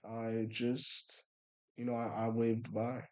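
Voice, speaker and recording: A young adult man vlogs a rambling story at a slow pace in a mid-range, monotone voice. He's laid-back and casual, peppering it with "bro" and "you know," and often trails off into a mumble.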